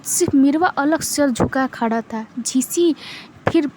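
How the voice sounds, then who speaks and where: A woman reading a short story aloud in a steady narrating manner, with small restarts. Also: high voice, a little slow, slight background noise. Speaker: literature reader.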